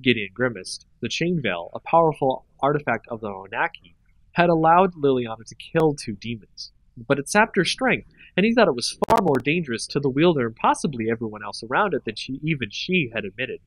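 A man reading a fantasy story aloud with expressive, dramatic narration. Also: medium pitch, fairly quick, low-quality recording. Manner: expressive and animated. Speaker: channel host reading a story.

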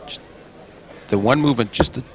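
A man's voice: mid-range voice, fairly quick. A man giving explanatory, analytical live darts commentary as the expert co-commentator.

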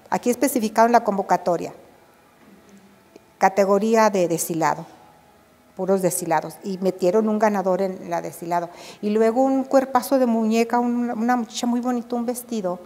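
Older Mexican woman, artisan interview, animated storytelling, middle pitch, long reverb. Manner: animated storytelling, acts out quoted dialogue. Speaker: embroidery and drawn-thread artisan. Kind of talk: reminiscing interview.

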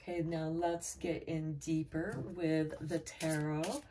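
A woman with a low, deep voice gives a tarot reading, taking her time over every card. She talks in a calm, measured, reassuring way, and she sits a little back from the microphone. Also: distant mic, a little hiss or hum. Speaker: tarot reader.

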